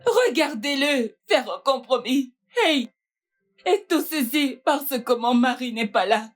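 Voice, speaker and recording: A woman's voice: sits high, expressive, slow pace, soft background music, heavily acted. An outraged, scolding mother. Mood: furious. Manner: indignant, scolding. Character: outraged middle-aged mother defending her daughter. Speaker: mother of a wronged daughter. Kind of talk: dubbed film acting.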